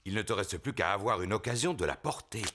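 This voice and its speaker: A man playing a jolly, bumbling daddy pig in a French children's cartoon, with an exaggerated, expressive delivery. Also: on the low side, quick pace, a little hiss or hum. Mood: cheerful. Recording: music behind the voice.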